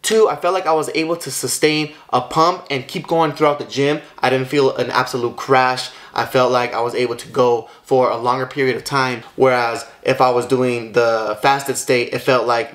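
A man's voice: medium pitch, fairly bright tone. A man in his twenties talking casually to a handheld camera, hyped and slangy, swearing freely about workouts. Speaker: fitness vlogger. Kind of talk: casual vlog talk. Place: car, gym and home.

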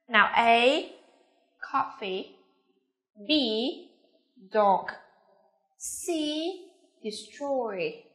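A young woman with a Vietnamese accent teaching English pronunciation, coaxing and slowly repeating each word with frequent check questions. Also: on the high side, sharp tone, roomy sound. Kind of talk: classroom pronunciation lesson.

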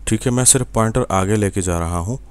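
Deep-voiced Pakistani man teaching software. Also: smooth. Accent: Pakistani Urdu. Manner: patient, step-by-step, many fillers and "ٹھیک ہے" checks. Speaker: software instructor. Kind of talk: screen-recorded tutorial.

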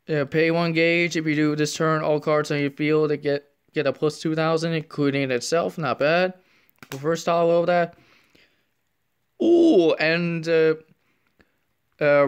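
Half whispering, a card unboxing YouTuber quietly narrates a trading card pack opening, reading card names and commenting as he goes. He's filming on a phone camera at an indoor table, and his voice is fairly high with a clean tone.

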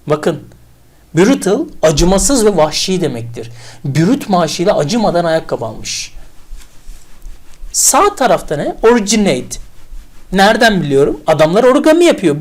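A teacher giving an online English vocabulary lesson, chatty and animated, asking themselves questions aloud as they recall memory tricks. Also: medium pitch.

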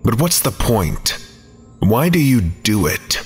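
A man reading the questions of a level-headed senior researcher in an even, questioning way. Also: on the low side, slow, long reverb tail, faint music behind. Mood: probing.

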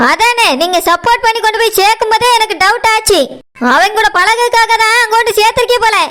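A harsh middle-aged village mother in a cartoon, voiced by a woman, forever scolding and berating in a shrill, piercing voice. She sits very high in her register and never lets up. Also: steady tone, fast, sharp tone. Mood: indignant. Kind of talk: cartoon voice acting.

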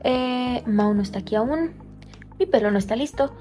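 A woman's voice: on the high side, normal speed, warm tone, faint music behind. A young woman chatting casually to camera in her room as she gets ready, stressed and repeating herself. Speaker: vlogger. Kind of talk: casual vlog chat. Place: bedroom at home.

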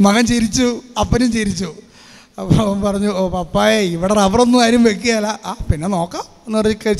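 Guy preaching at a big convention, really high voice, long hall echo, gets fired up and shouts. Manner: impassioned, shouts hallelujah, acts out dialogue in the story. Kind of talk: convention sermon with storytelling. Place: large retreat centre hall.

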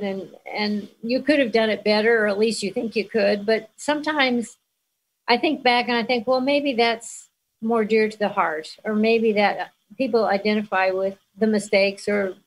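A woman's voice: medium pitch, low-quality recording. Laughing older woman telling stories. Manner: warm storyteller, laughs often. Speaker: interview guest. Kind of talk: reminiscing conversation.

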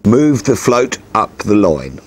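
A man in his sixties calmly explaining a fishing setup step by step, seated outdoors at a garden table and talking into a lapel mic. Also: on the low side, takes it slowly. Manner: calm, methodical, practical explanations. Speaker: fishing instructor. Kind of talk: step-by-step tutorial.

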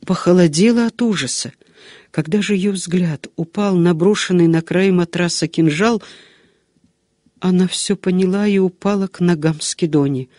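A woman narrating a gothic novel as an audiobook reader, in an expressive, measured way. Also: on the low side, no room sound, studio quality.

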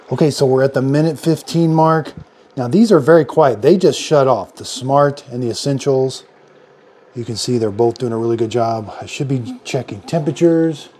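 Relaxed man demoing gadgets in his kitchen. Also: medium pitch, slight background noise. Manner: relaxed, plain-spoken, thinking aloud while demonstrating. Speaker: product reviewer. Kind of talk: casual hands-on product demo. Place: home kitchen, indoors.

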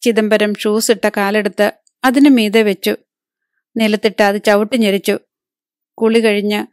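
A woman's voice: medium pitch, no room sound, clean studio sound. A woman narrating a novel as an audiobook, reading evenly and speaking the characters' lines herself. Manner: even storytelling read, voicing characters' lines within narration.

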